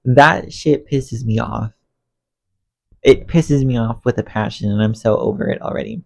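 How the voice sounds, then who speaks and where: This vlogger's gravelly, mid-range voice is congested and giving out as he cleans his bedroom and rants to camera at a moderate pace. He rambles emotionally, talking to himself with expressive swings. A phone on a stand under a ring light records him.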